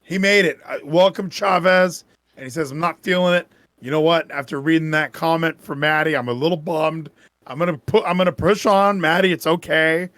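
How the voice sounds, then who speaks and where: Exasperated high-pitched male co-host. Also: steady tone, normal speed, a bit bright, no room sound, studio quality. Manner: exasperated, profane ranting. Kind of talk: casual live-stream commentary.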